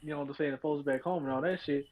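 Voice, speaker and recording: Man, rapid talker, slightly high pitch, casual podcast chat, loose and chatty. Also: steady tone, a little mellow, rough recording. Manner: rapid, loose, constantly checking in with the listener. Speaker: podcast co-host.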